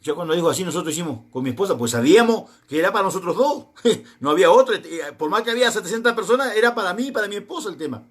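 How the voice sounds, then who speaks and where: A man's voice: high voice, lively intonation, racing. A middle-aged man with an Argentine accent preaching a sermon, telling a personal testimony and acting out both sides of the conversations in it. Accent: Argentine Spanish.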